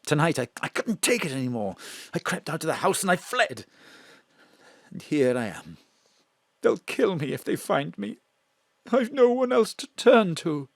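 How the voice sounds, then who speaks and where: An actor plays Bruno, a frightened male drag performer also known as Mona who is on the run, confiding in a theatrical, swooping storytelling manner for an audio drama. His fairly high voice is very animated and creaky, at normal speed with long pauses, a full character voice recorded on a home studio mic with studio quality and no room sound.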